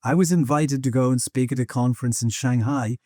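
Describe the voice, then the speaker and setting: Chatty older man hosting, mellow voice. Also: mid-range voice, brisk, no echo, clean studio sound. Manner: chatty anecdotes with laughs and quoted voices. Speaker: podcast host. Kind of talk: conversational interview.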